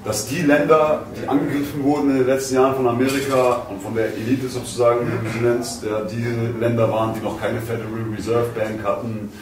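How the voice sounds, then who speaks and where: A man's voice: mid-range voice, level tone, a little fast, hardly any pauses, very echoey, far from the mic, a crowd in the background. A young man from Iran pressing with questions in a debate, recorded from afar. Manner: probing, questioning. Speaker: rapper, host. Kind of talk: heated debate. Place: studio set with armchairs, indoors.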